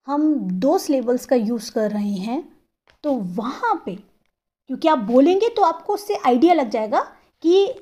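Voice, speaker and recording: A woman teaching an English grammar lesson, explaining patiently and sounding out example words slowly, syllable by syllable, and often checking in with the listener. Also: high voice, dark tone. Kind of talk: classroom-style grammar lesson.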